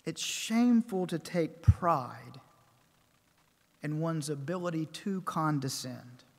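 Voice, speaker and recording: High-voiced pastor at a pulpit microphone. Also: male voice, lively intonation. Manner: measured, emphatic, builds with repeated phrases. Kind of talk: sermon. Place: church sanctuary. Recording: long church reverb.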